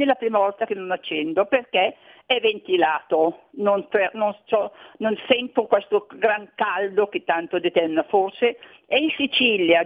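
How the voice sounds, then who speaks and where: Caller: older woman over the phone, rambling, dismissive; tinny phone-line sound. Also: medium pitch. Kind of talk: call-in radio chat. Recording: narrow phone-line audio.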